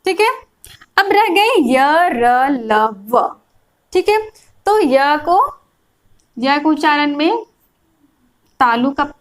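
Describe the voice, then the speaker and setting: A woman teaching a grammar lesson, explaining slowly and repeating each point, often checking whether her students follow. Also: high-pitched, low-quality recording. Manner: patient, repeats points, checks in with frequent "is that clear". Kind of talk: classroom lecture explaining a chart.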